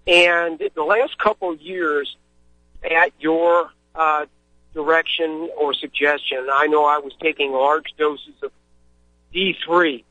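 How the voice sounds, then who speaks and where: A man's voice: a little high, steady tone, takes it slowly, sharp tone, no room sound. A man calling in to a radio show over a phone line, talking in a casual, rambling way with lots of fillers while on the move in a vehicle. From Missouri, US. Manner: rambling, friendly, many fillers. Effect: clipped phone line. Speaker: caller. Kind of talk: casual call-in chat. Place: in a moving vehicle. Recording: dull, dry phone audio.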